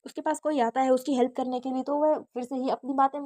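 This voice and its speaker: A woman's voice: high-pitched, fairly even intonation, quick pace, warm tone, no echo. A woman narrating a drama recap in a casual storytelling way, retelling the characters' lines in her own voice with frequent restarts.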